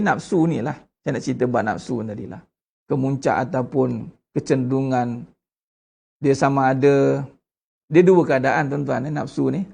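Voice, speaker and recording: A man with a Malaysian Malay accent giving an Islamic study lecture, putting rhetorical questions to the congregation with lively emphasis. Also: fairly high pitch, creaky. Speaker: religious teacher.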